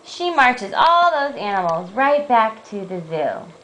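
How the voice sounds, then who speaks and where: Slow, gentle woman reading a bedtime story. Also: fairly high pitch, very animated. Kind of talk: reading a picture book aloud to a child. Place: home at bedtime.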